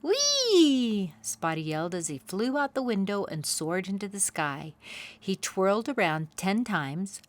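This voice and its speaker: Her voice leans low as she hosts a storytime, delivering a picture-book tale to little ones with expressive, deliberate phrasing.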